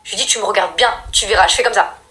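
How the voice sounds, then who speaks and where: A young woman from France, a regular storyteller, tells a scary childhood story in casual slangy chat, bursting into loud high voices. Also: racing. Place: at home doing makeup.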